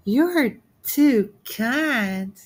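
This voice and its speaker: A man voicing a sweet, polite little girl in a storybook reading, speaking slowly in a high, gentle, innocent voice. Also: animated, heavily acted.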